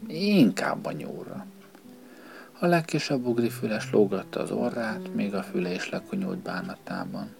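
A man reading a children's animal story aloud in a slow, gentle storytelling manner. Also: fairly low pitch, vocal fry. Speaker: narrator. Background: guitar music.

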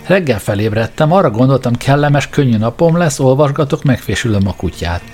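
A man's voice: fairly low pitch, expressive, a little mellow, slightly rough. Man playing an exasperated, complaining Englishman. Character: flustered, exasperated young Englishman.

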